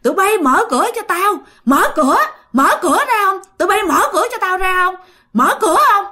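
A woman's voice: extremely high pitch, brisk, sharp tone, pitched above the performer's own voice. A woman voicing a mother possessed by a spirit, screaming threats at the door. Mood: demanding.

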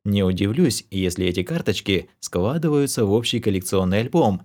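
A man narrating a first-person fantasy audiobook with a wry, expressive delivery. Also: on the low side, brisk.

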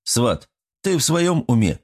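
A man's voice: lowish voice, animated, normal speed, darkish tone, pitched above the performer's own voice. A man voicing a young male hero who answers earnestly and defensively in an audiobook. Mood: indignant. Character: young male hero, puzzled but stubborn. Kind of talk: audiobook character voice.

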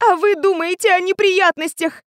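A woman's voice: very high-pitched, fairly even intonation, normal speed, dry recording, clean studio sound, voice pushed up. Woman playing a sobbing young student. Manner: sobbing, pleading. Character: tearful young female student, distraught.

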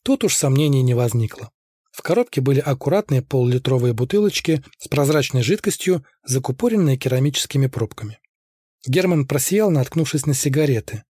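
A man narrating an audiobook in a steady, even way. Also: mid-range voice, fairly quick, slightly rough, no echo, studio quality.

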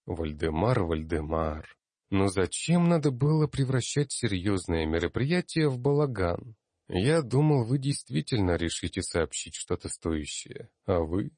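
A man's voice: fairly low pitch, big pitch swings, unhurried, a little mellow, breathy edge, no room sound, studio quality, exaggerated voice. A man voicing a male mage who speaks in a reproachful, disappointed way. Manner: reproachful, sighing.

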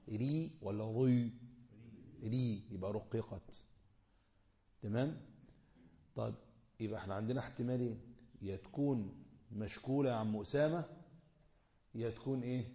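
A man's voice: medium pitch, warm tone. A man with an Egyptian accent teaching a tajweed lesson, quizzing the class and drawing out the example words in recitation. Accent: Egyptian Arabic. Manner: explanatory, asks the class questions and answers them himself. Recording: echoey, dull lo-fi room recording.

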